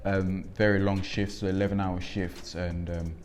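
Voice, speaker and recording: A man's voice: low voice, level tone, moderate pace, a little mellow, faint music behind. A man in his twenties, born in Congo and raised in England, speaking reflectively with frequent ums in a documentary interview. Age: 20s. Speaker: interviewee, young father.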